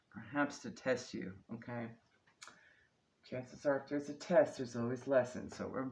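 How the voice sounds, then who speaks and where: Man, mid-pitched voice, speech slightly slurred by retainers, unhurried casual tarot reading, noticeable background noise and clicks. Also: fairly bright tone. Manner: unhurried, often ends statements with a questioning "okay?". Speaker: tarot card reader, host. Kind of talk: casual, improvised spiritual card reading to an audience. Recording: clearly noisy background with clicks.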